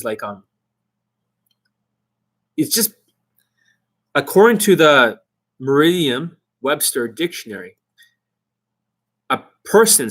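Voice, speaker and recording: In a ranting monologue to camera, a young dating coach swears bluntly at his viewers and piles up rhetorical questions. He speaks in a husky voice at an ordinary pitch.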